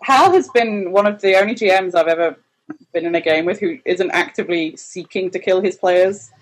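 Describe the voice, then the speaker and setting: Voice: mid-range voice, normal speed, slight background noise, poor audio. A player at a tabletop game chatting casually, teasing the others and laughing easily.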